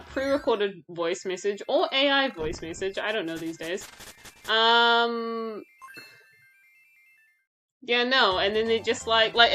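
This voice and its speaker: A woman's voice: mid-range voice, pushed and bright, poor audio. A woman streaming a game live, reacting aloud to the gameplay, talking to her chat and mocking herself. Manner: self-mocking exclamations.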